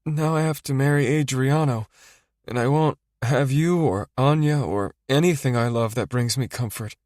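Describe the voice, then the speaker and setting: A man's voice: mid-range voice, steady tone, moderate pace, no echo, studio quality, pitched above the performer's own voice, lightly acted. A man voicing a heartbroken young woman about to be married, crying and speaking in a small, breaking voice. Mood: tearful.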